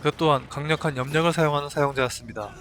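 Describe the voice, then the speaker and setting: A man reading scripted recap narration as a drama reviewer, in measured storytelling statements. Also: a little high, noisy background. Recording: voice-over with faint music behind.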